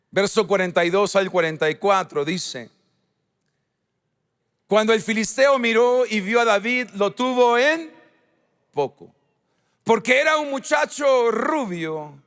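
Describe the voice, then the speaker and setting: Male pastor, sermon delivery, slow and emphatic with big rises and drops, long hall reverb. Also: animated, fairly bright tone. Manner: preaching with emphatic swings in pitch and volume.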